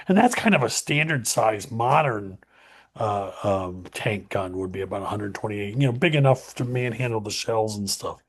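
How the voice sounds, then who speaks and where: A man hosting a casual history talk, rambling with many fillers and self-corrections. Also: medium pitch.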